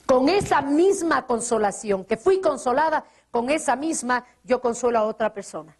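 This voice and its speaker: High-voiced woman pastor preaching. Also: expressive, moderate pace. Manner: earnest preaching with rhetorical questions and scripture quotes. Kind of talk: sermon.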